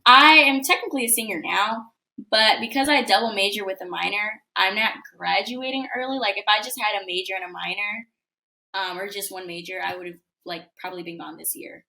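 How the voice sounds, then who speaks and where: A young woman in her twenties talks over a video call as a guest, her voice crisp and bright. She rambles in an upbeat, chatty way, with lots of fillers and likes, at a mid pitch. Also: a little fast. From United States. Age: 20s. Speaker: guest, college student. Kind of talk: casual interview chat.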